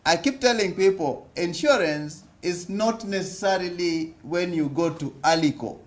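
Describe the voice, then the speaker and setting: This Kenyan man has a high voice and a moderate pace. He's leading an interactive seminar talk at a business forum in a conference hall, frequently quizzing the audience and restating what he's said.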